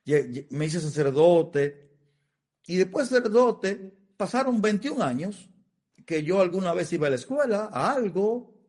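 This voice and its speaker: Man, Dominican accent, priest, middle-aged, emotional testimony, fairly high pitch. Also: sing-song, a little slow, darkish tone. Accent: Dominican Spanish. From Dominican Republic. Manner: earnest, emotional storytelling with repetitions. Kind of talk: interview testimony.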